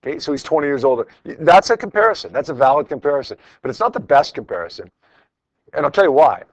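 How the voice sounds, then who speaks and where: A fast-talking middle-aged high school physics teacher with a voice on the high side and big pitch swings works through problems with his class. He lectures informally and encouragingly, repeating phrases for emphasis, in a dry, lo-fi recording.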